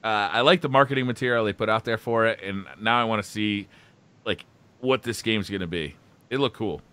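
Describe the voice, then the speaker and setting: A man's voice: on the low side, brisk, a bit bright. A man co-hosting a casual gaming chat show, talking enthusiastically with lots of filler words. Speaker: podcast co-host.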